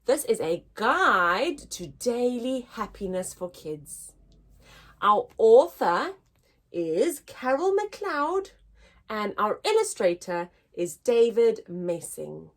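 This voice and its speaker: This story time host reads picture books aloud to young children, sounding like a teacher. Her highish voice swoops up and down a lot, and her delivery is expressive and deliberate.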